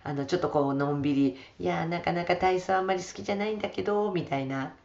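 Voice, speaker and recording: A woman presenting a radio show in an upbeat, energetic manner and interviewing a guest. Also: lowish voice, fast, vocal fry, dull audio. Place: radio studio.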